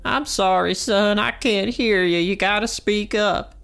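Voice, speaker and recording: A man's voice: high voice, a little slow, gravelly, fairly bright tone, clean tone, soft background music, voice pushed up, exaggerated voice. A man voicing a frail old woman who is hard of hearing, with a quavering voice. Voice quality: shaky, quavering.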